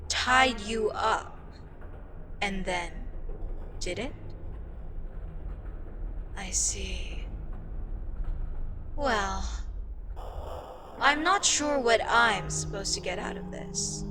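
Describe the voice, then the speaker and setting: In an ASMR audio roleplay, a woman with a mid-range voice plays an eldritch deity who is frustrated, condescending and wryly amused. She sounds curious and bemused, dry and sarcastic in an unhurried way, with background noise present.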